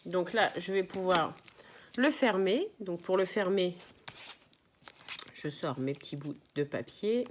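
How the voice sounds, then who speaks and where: A woman's voice: mid-range voice, slight background noise. A middle-aged woman, chatting through a step-by-step craft demonstration and explaining each move as she works. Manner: chatty, explains while working, often apologizes. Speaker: crafts tutorial host.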